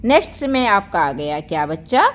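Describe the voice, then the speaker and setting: A young woman from India teaching English grammar online, explaining word pairs warmly to viewers she calls children. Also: mid-range voice, sing-song, moderate pace.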